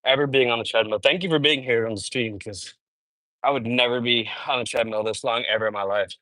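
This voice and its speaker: Speaking briskly in a mid-range voice, a man streams live from his treadmill, sweaty from the workout, spinning animated stories loaded with "bro" and "dude." The recording is rough, with no echo.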